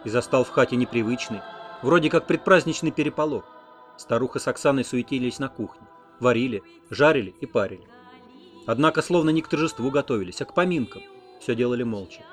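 Male audiobook narrator with a mid-range voice, measured and expressive. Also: mid-range voice, faint music behind. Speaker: audiobook reader. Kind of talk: scripted narration of a homemade audiobook.

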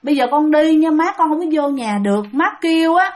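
Woman voicing young man's ghost, tearful, pleading, high voice. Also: lively intonation, brisk, darkish tone. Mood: gentle. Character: dead young man's spirit, tearful, gentle.

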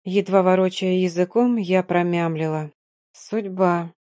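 A woman narrating a first-person audiobook in a calm, even reading voice. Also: mid-range voice, moderate pace.

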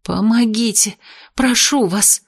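A woman's voice: on the high side, takes it slowly, creaky, breathy edge, pitched above the performer's own voice, full character voice. A woman voicing a frightened red-haired girl pleading for help.

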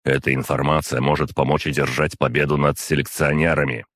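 A man's voice: extremely low pitch, little pitch movement, fairly quick, fairly bright tone, dry recording, clean studio sound. A man voicing a cool, blunt young man. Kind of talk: audiobook narration.

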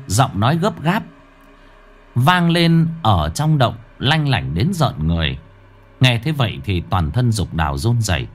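A man narrating a ghost story in a dramatic, expressive way. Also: mid-range voice. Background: faint background music.

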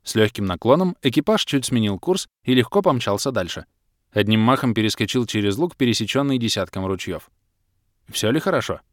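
A male narrator tells a first-person adventure story. His pitch rises and falls a lot as he reads. The recording is dry and close, with no room sound. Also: animated, brisk, dry recording. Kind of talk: audiobook narration.

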